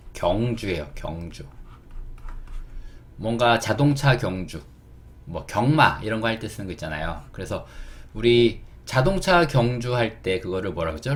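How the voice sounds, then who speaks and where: A man teaching beginners English words, patiently asking questions and answering them himself. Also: on the low side. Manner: spells words slowly letter by letter.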